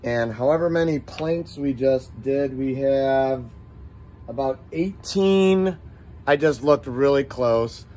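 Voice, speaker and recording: Middle-aged shop owner, slow easygoing drawl, folksy rambling demo talk. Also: male voice, mid-range voice, darkish tone, a little hiss or hum. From United States. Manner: rambling, folksy, talks to viewers as guys. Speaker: shop owner demoing airguns. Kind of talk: casual product demo vlog.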